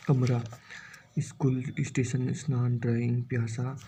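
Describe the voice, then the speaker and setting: A man's voice: medium pitch, monotone, measured pace, warm tone, slight background noise. A man with a Rajasthani Hindi accent, rattling off spelling words for exam prep and muttering some of them under his breath. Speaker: exam coaching teacher. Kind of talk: exam-prep word drill.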